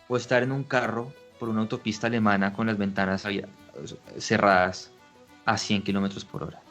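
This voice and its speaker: A man, an orchestra conductor, giving a lecture on music in an explanatory way, often asking his listeners rhetorical questions. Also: medium pitch. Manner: acts out shouted and slowed example lines.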